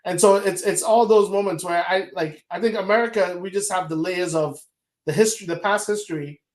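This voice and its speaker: A man from Ghana, hosting a casual conversation and telling stories with lively energy. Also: sits high, a little fast, echoey room.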